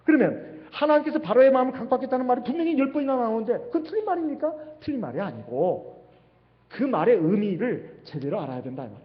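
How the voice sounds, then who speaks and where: A man's voice: very high-pitched, sing-song, quick pace. A man preaching a sermon as pastor in a church, asking rhetorical questions as he goes. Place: church sanctuary. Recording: dull livestream sound with long hall reverb.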